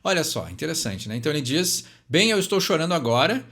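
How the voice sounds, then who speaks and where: Chatty young Brazilian man, higher voice. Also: very animated, fairly bright tone. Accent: Brazilian Portuguese. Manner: chatty, fills pauses with "né?", reads English lines slowly. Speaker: channel host explaining song lyrics. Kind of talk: casual lyric breakdown.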